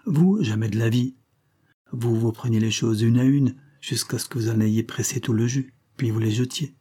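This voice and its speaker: A man's voice: medium pitch, moderate pace, warm tone, husky, close to an everyday voice. A man voicing a bitter, proud young woman in a storybook reading, speaking in a cutting, strained way.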